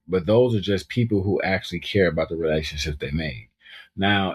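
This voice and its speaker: A man in his thirties co-hosting a podcast in casual chat, animated and repeating words while he gathers his thoughts. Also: deep voice, husky. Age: 30s. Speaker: podcast co-host.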